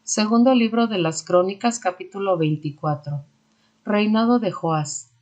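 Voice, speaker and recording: A woman reading scripture aloud in a steady, measured way. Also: medium pitch. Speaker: Bible reader.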